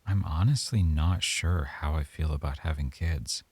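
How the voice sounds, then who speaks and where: Speaking in a very deep, slightly rough voice, a man plays a hesitant, affectionate young boyfriend in an intimate ASMR roleplay. He thinks aloud softly and haltingly, sounding unsure. The recording is free of room sound.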